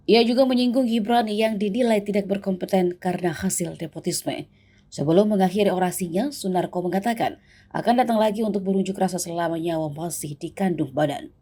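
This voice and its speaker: A woman's voice: mid-range voice, mellow, husky. A woman reading a scripted news report as a narrator.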